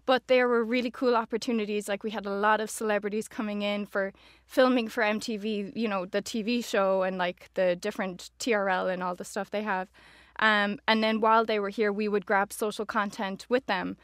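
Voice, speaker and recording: A woman's voice: medium pitch, little pitch movement, a little fast, dry recording, clean studio sound. A woman in her twenties with a west of Ireland accent, chatting informally as an interview guest, often saying "like" and "kinda". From Galway, west of Ireland. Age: 20s. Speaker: interview guest, social media manager. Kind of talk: casual conversational interview.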